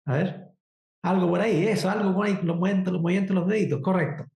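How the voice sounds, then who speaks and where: Sign language teacher, warm mellow tone, deliberate explanations, checks in with the class often, echoey room. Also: medium pitch. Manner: deliberate explanations with frequent "¿cierto?" check-ins. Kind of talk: workshop lesson.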